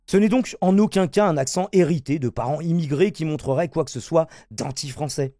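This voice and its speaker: A man hosting a mocking press-review commentary, sarcastic and animated, reading a text and breaking off into asides. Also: a little high, fairly quick, no echo, studio quality. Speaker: political commentary host.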